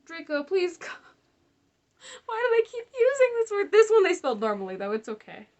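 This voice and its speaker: A woman's voice: very high-pitched, wildly swooping pitch, quick pace, darkish tone. A young woman casually reading fan fiction aloud, breaking off for sarcastic, laughing, swearing asides. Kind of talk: casual comedic read-along.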